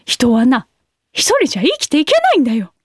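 A woman doing an impression of a tough female teacher who shouts rough lines at her students. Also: high voice, wildly swooping pitch, fairly quick, no room sound, clean studio sound, exaggerated voice. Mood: shouting. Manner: shouted, rough delinquent-style speech. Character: gruff tough female schoolteacher yelling at students.

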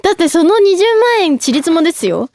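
A young woman hosting a casual radio talk show, reading listener mail with a bubbly, giggly, animated manner. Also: very high voice, fast, a little hiss or hum. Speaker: idol radio host.

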